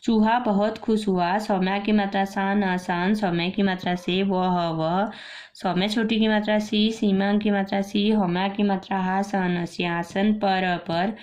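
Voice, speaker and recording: Patient woman teacher spelling words slowly. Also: medium pitch, little pitch movement, a little mellow. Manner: slow, patient, repeats each word after spelling it. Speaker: school teacher. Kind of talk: spelling out a children's reading lesson syllable by syllable. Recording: muffled lo-fi recording.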